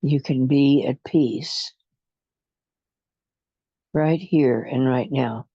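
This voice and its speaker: Guiding a relaxation session through imagery, this speaker is soothing and hypnotic, counting slowly with long pauses in between. The voice is husky and mid-range, recorded dull and lo-fi with no room sound.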